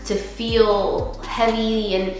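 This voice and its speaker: A woman's voice: medium pitch, little pitch movement, drawn-out words, darkish tone. Very echoey young woman vlogger with a cold. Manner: earnest, frequent "like" as a filler. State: sick with a cold, congested. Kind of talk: casual reflective vlog talk. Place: unfurnished apartment room, indoors. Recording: very echoey empty room, music underneath.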